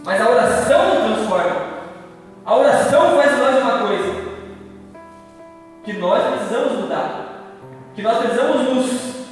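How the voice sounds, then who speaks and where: A man's voice: very high-pitched, lively intonation, normal speed, pauses often, faint music behind. A man preaching with a Brazilian accent, speaking in a fervent, sing-song cadence to a congregation. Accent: Brazilian Portuguese. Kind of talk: church sermon. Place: large church hall. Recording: echoey hall from far off.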